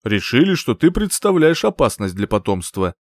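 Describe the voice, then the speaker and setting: A calm young nobleman who speaks with assurance and a matter-of-fact tone, voiced by a male audiobook narrator. The voice stays close to the reader's own and sits in a dry, close recording. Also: mid-range voice, normal speed, no room sound.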